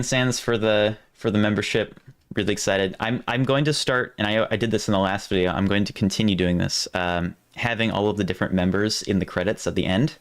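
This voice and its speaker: A man hosting a live stream, chatting casually and thinking aloud, his voice going hoarse. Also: fairly low pitch. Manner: rambling, restarts often, thinks aloud. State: losing his voice.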